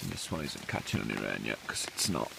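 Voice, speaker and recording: A man's voice: very deep voice, very animated, fairly quick. A man chatting casually and informally to camera as a camping vlogger, in an understated, rambling way. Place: outdoors in wet woodland. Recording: rain pattering, clear background noise.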